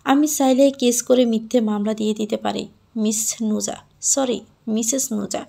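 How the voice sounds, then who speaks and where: A woman voicing an arrogant young male boss who gives curt, mocking orders, in a higher voice with a gravelly edge. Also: fairly even intonation, measured pace, dark tone. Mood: sneering. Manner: curt, commanding, sneering.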